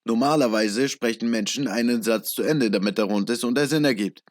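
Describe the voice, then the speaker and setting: A man's voice: mid-range voice, fairly quick, no room sound. A man reading a scripted commentary in a dry, mocking, lecturing manner.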